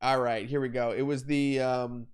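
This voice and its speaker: A young man talks casually on a live stream, walking through lighting setups, with many fillers and restarts. His voice is smooth and clear, pitched in an ordinary middle range. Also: level tone, normal speed. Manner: rambling, self-correcting, explains while demonstrating. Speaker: photography livestream host.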